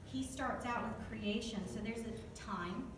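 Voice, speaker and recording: In an echoey church hall, captured noisily from a distance, a Southern US woman gives a joking, chatty devotional talk and questions her church group. Her voice is a little high, and she takes her time.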